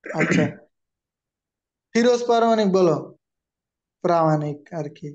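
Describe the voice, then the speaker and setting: A man's voice: high-pitched, measured pace, darkish tone, dull audio. A man with a Bangladeshi Bengali accent teaching an online exam-prep grammar class, who explains patiently and calls on students by name.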